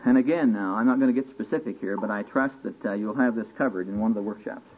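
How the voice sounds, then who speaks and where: A man giving a folksy, conversational sermon to a group, full of stories and questions to his listeners, at times rising to booming motivational calls. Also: fast. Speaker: preacher at a church retreat session. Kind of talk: sermon, conversational teaching with storytelling. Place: live talk to a seated group. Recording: tinny band-limited old recording with hiss.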